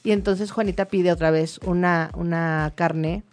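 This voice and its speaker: A woman's voice: lowish voice, steady tone, measured pace, faint music behind. A woman, a child therapist, explaining things in a chatty, storytelling way. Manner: chatty, many fillers, storytelling. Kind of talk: explanatory conversational talk.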